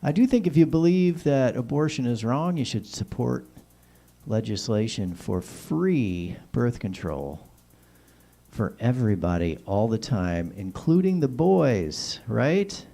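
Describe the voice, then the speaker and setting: A man's voice: medium pitch, big pitch swings, a little slow, gravelly, mellow. A man with a whistling s hosting a call-in show, giving opinionated, joking monologues addressed straight to listeners. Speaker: talk show host.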